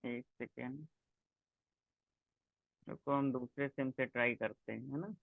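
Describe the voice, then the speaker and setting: A man's voice: medium pitch, steady tone, takes it slowly, gravelly, dry recording. A male teacher giving an online class, his voice breaking up over a weak phone connection. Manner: explains step by step, checks in with students. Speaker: chemistry teacher. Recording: tinny, cutting-out phone audio.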